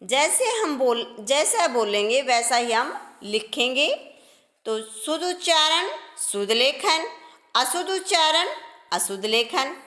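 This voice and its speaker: Woman, patient schoolteacher, high bright voice, slow, echoey room. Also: very animated. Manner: slow, patient, addresses children as beta. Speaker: teacher. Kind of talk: primary school grammar lesson.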